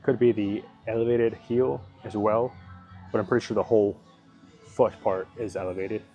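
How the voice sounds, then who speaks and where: Male fitness vlogger, low voice, loose unscripted talk over soft background music. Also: steady tone, moderate pace, highs cut off. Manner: rambling, thinks aloud, hedges and swears casually. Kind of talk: casual workout commentary.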